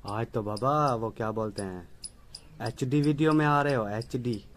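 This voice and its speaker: A man's voice: medium pitch, measured pace, slight background noise. A man vlogging at home, patiently quizzing a child on letters and numbers and calling out to the children at play. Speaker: family vlogger. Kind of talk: casual home vlog.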